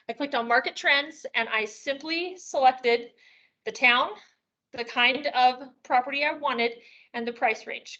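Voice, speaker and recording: An upbeat woman addresses a room of agents with a high, bright voice, firing off rhetorical questions in an easy, chatty way. She sounds slightly out of breath. The recording is dull and lo-fi. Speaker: real estate sales meeting presenter. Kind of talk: presenting at a sales meeting.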